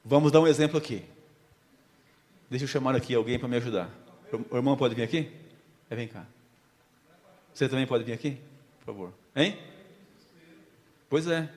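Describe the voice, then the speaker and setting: A man's voice: medium pitch, normal speed, pauses often, a little mellow. Preacher man in a reverberant hall. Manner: storytelling, asks the congregation questions. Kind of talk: sermon with a volunteer illustration.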